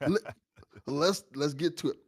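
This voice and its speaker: This after-show host of a fiction podcast has a fairly high, slightly rough voice and an unhurried pace. He's effusive and informal in his praise during the casual discussion, with a bit of mild swearing.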